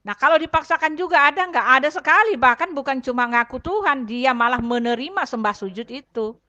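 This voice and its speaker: A woman's voice: high-pitched, animated, brisk, sharp tone, highs cut off. A woman serving as a church elder, chatting through scripture and thinking aloud while she hunts for Bible verses. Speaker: church elder giving testimony. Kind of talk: casual scripture explanation.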